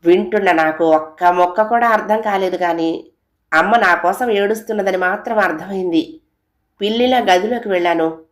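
A woman's voice: on the low side, echoey room. A woman narrating an audio story, reading aloud and voicing each character with small shifts.

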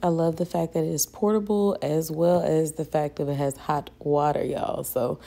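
Woman vlogger, young adult, low mellow voice, chatty, calls viewers y'all. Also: steady tone, normal speed, vocal fry. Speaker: vlogger and hairstylist. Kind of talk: casual voice-over vlog narration.

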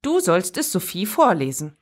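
A woman playing a careful, gentle mother. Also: fairly low pitch, sing-song, moderate pace. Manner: gentle, cautious. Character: calm, careful mother soothing her husband. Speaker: parish member voicing a story character.

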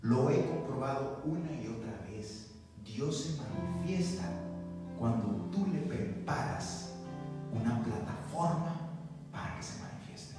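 A male pastor, preaching a sermon and telling stories in an animated way, mixing in English words. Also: medium pitch, takes it slowly. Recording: echoey church hall, distant mic, music behind.

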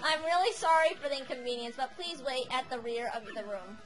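A woman's voice: high voice, animated, a little fast, faint music behind, low-quality recording. A woman doing a gossipy turtle minion.

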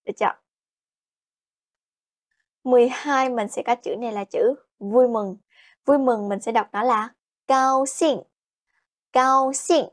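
Woman, Chinese teacher, fairly high voice, slow modeled phrases, lesson style. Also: steady tone. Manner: explains in Vietnamese, models Chinese slowly, keeps asking "Được chưa?". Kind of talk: language lesson.

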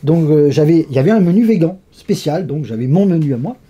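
A man from France, a guest in a conversational interview, telling animated stories with lively asides. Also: a little high, quick pace, husky.

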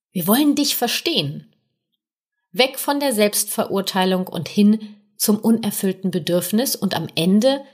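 A woman hosting a podcast, gently explaining nonviolent communication to parents and addressing the listener directly with little tag questions. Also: mid-range voice, slightly rough. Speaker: podcast host and communication coach. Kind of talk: podcast monologue giving parenting advice.

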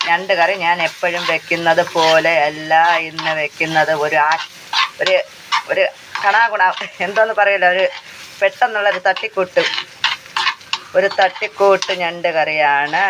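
A woman with a Kerala Malayalam accent, hoarse from long talking, chatting casually while she cooks and films on a handheld phone. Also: on the low side, fairly even intonation, moderate pace, very noisy. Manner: chatty, repeats phrases, tag questions. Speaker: cooking vlogger. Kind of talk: casual chat while cooking. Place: home kitchen. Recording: faint frying sounds behind.

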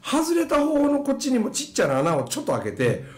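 A man with a Kansai accent, hosting and telling a story in casual chat, animated and often laughing at his own tale. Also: very high voice, a little fast. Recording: echoey room.

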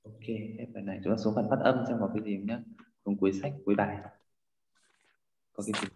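A man's voice: lowish voice, fairly even intonation, a little fast, a little mellow, reverberant, big-room sound, dull audio, slight background noise. A male language teacher explaining pronunciation and quizzing a student, often adding tag questions. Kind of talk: online language lesson.

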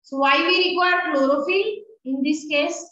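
A woman's voice: high-pitched, normal speed, pushed and bright. A middle-aged woman with an Indian accent teaching an online biology class, questioning and prompting students and slipping between English and Hindi. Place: indoor room with bookshelves. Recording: echoey, dull video-call audio.

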